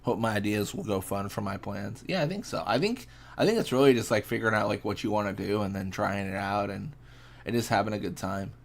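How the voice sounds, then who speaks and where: Laid-back young man with gravelly voice. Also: on the low side, fairly quick. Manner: laid-back, rambling, reacts to game with mild exasperation; answers chat questions casually. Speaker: streamer. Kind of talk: casual live-stream chat while gaming.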